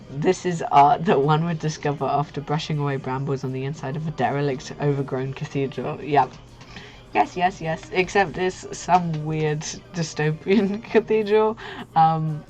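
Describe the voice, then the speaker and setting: Her voice is deep and a little mellow as this young artist chats on her casual livestream, goofy, giggly and full of slang. The lo-fi stream sound is muffled, with music playing behind her.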